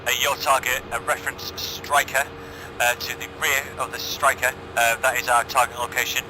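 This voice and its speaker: A man giving halting military radio callouts with call signs over a crackly radio. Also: mid-range voice, level tone. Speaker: vehicle commander in a military game. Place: online game voice comms. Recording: very noisy crackly radio with vehicle noise.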